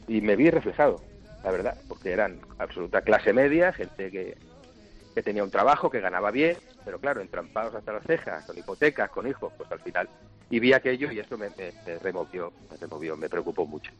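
A musician being interviewed on the radio, telling stories in a chatty, joking way. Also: male voice, mid-range voice, fairly bright tone, muffled recording. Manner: chatty, jokey storyteller. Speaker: musician guest.

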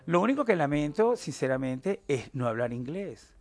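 Man, middle-aged, gravelly, fairly high voice, expressive interview guest. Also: moderate pace. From Venezuela. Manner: talkative, expressive, theatrical asides. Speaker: guest, novelist. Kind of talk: casual interview chat.

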